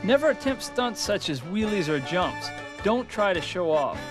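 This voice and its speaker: A man's voice: high-pitched, big pitch swings, moderate pace. A man narrating a scripted safety lesson with firm, cautionary instructions, heard from a worn VHS tape copy. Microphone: voice-over. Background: country guitar music.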